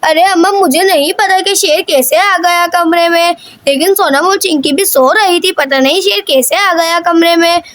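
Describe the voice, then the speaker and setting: A woman plays a brave young mother in a doll story, rushing her words with urgent care. Her voice is pitched very high. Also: fairly bright tone. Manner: quick, urgent, caring.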